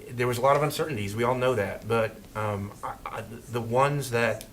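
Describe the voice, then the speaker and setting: A man speaking informally and haltingly as a town official at a council meeting, rambling a little. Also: mid-range voice. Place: indoor council meeting room. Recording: noisy meeting room microphone.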